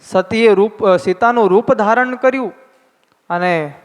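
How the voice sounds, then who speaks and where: A man's voice: sits high, unhurried. A man with a Gujarati accent, a swami telling a scripture story in a sermon, chanting verses and acting out the characters' lines. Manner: dramatic, voices the characters in dialogue. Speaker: swami giving scripture discourse. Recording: long hall reverb.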